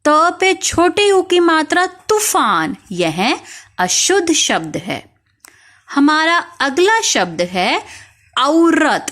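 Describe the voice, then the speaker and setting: A woman teaching young children spelling, slowly spelling out each word letter by letter and asking them questions. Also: high-pitched, big pitch swings, a bit bright. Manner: slow, spells words letter by letter, asks questions.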